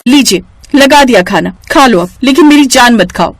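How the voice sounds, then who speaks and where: A woman voicing an impatient, sharp-tongued young wife and daughter-in-law in a cartoon story, speaking high and insistent. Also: lively intonation, a little fast, slight background noise, lightly acted. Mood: snappy, annoyed.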